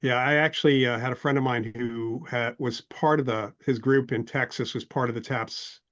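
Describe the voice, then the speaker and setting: A man hosting an interview podcast in a measured way, trading anecdotes and leading into long questions. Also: mid-range voice, fairly even intonation, a bit bright, muffled recording. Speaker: host.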